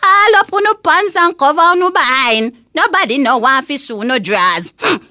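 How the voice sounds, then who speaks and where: Woman playing a high-pitched scolding old Jamaican granny. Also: very animated, normal speed, pushed and bright, dry recording, studio quality, full character voice. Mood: indignant, scolding. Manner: indignant, scolding, full of rhetorical questions. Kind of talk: comic monologue rant in an audio story.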